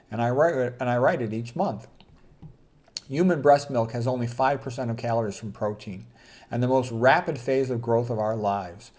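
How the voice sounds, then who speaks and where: A man with a mid-range, somewhat dark voice gives an informal health lecture as a doctor. He reads quotes aloud and follows them with blunt, opinionated, colloquial remarks.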